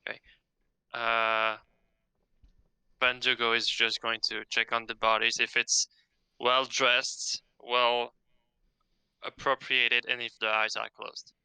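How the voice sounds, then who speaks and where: A man's voice: medium pitch, level tone, slow pace, pauses often, pushed and bright, smooth, dry recording, low-quality recording. A man playing a tabletop game, carefully checking details with questions. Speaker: player. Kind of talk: casual tabletop game chat.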